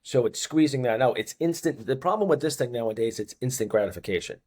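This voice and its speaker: This is a man in his fifties with a Boston accent, a fitness coach chatting casually as a guest on a podcast. His voice is medium in pitch, a little mellow and slightly rough, and he talks fast. He drives his points home by repeating phrases.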